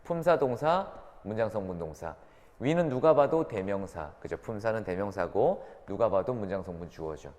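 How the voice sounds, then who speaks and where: A man whose voice is fairly low and a little mellow delivers a classroom English grammar lecture. He frequently checks in with students using short tag questions, in a reverberant room.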